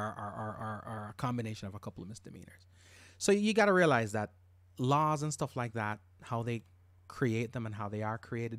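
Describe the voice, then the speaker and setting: A man's voice: mid-range voice, dry recording. A middle-aged man from Jamaica hosting a podcast, talking in an emphatic, casual monologue and repeating words when worked up. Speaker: podcast host.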